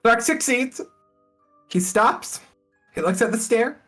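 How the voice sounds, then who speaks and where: A woman's voice: a little high, animated, slow pace, a bit bright, soft background music. A woman player in casual tabletop role-play chat, jokey and exclaiming, given to swearing.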